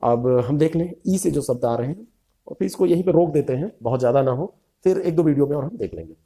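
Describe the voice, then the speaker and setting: Dark-voiced man teaching vocabulary. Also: on the high side, lively intonation, quick pace. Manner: reads term then Hindi meaning, repeating words with short asides. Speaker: exam prep teacher. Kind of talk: vocabulary lesson.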